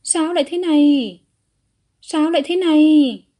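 A man's voice: very high voice, measured pace, mellow, voice pushed up. A woman voicing an elderly grand elder, a desperate father who pleads in a shaky voice. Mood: panicked. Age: older.

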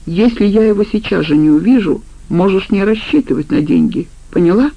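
A brutal male ex-convict, read by a woman narrator, harsh and threatening. The voice is gravelly, and the audiobook recording sounds dull and lo-fi. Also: medium pitch, lively intonation, a little fast, no echo. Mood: demanding.

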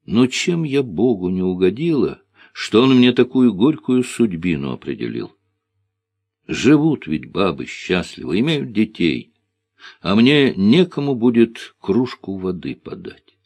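A man's voice: lowish voice, sing-song, measured pace, husky, no room sound, heavily acted. A man voicing a weary, sorrowful village woman. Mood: bitter. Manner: folksy rural speech, soft and reproachful. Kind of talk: audiobook character reading.

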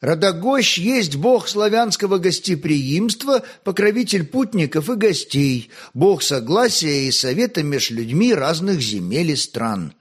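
A man's voice: fairly high pitch, sing-song, unhurried, hardly any pauses, slightly rough, exaggerated voice. A man reading aloud, voicing an earnest, studious boy prince who recites his answers like a lesson.

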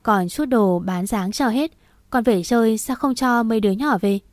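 A woman's voice: on the high side, moderate pace, darkish tone, dry recording, clean studio sound, lightly acted. A woman voicing an older mother who talks in a homely, chatty way. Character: warm worried older mother.

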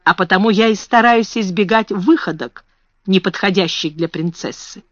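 A reader voicing a calm, dignified schoolgirl in a storybook reading, speaking firmly and steadily. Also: medium pitch, moderate pace, dry recording, lightly acted. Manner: firm and steady. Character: calm, proud schoolgirl princess-dreamer. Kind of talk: audiobook reading. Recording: dull lo-fi dry recording.

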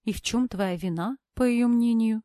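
A woman voicing a gentle, protective older brother. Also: fairly high pitch, normal speed, no echo, natural voice. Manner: soft, soothing. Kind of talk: audiobook character voice.

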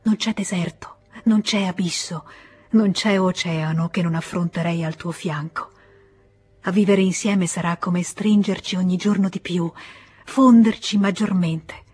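A woman reading as a passionate young wife eager to run off with her lover, speaking in a tender, impassioned way that sometimes falls to a hush. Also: lowish voice, fairly even intonation, measured pace, husky. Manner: impassioned, at times hushed. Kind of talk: audiobook character reading.

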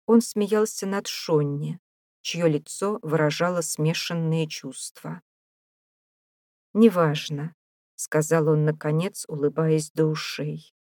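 Woman narrating a book, low voice, slow and measured, dark tone, dry close sound. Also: no room sound. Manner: measured, even reading. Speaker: audiobook narrator. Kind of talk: scripted narration.

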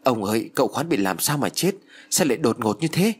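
An earnest, anxious father in a storybook, as a male narrator puts him on, pressing with urgent questions. His voice is husky and rises with lively inflection. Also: mid-range voice, a little fast. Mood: alarmed. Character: worried middle-aged father, earnest and polite.

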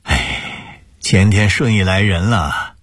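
A man voicing a gentle, teasing middle-aged mother, coaxing her family. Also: low-pitched, slow, breathy edge, no room sound, clean studio sound, full character voice. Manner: warm homely coaxing.

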